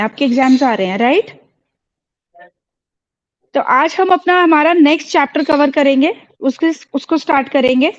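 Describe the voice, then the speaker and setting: A woman teacher addressing her class in a stern, firm way, switching between Hindi and English. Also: high-pitched. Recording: dull lo-fi sound.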